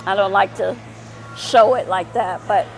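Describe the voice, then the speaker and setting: A woman's voice: mid-range voice, measured pace, soft background music, rough recording. A middle-aged woman talking casually to her viewers in a rambling vlog, full of fillers and repeats. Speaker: vlogger.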